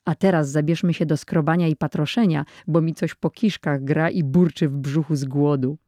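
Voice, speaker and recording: A narrator voicing a proud, excited young boy telling how he caught fish, in an audiobook. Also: mid-range voice, moderate pace, no echo, studio quality, natural voice. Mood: boastful. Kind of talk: audiobook character voice.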